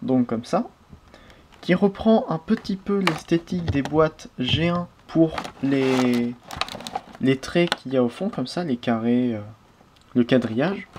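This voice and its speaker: Host, male, casual review voice, mid pitch, talks in loose hesitant runs. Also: noisy background. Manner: chatty, with hesitations and self-corrections. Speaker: toy reviewer.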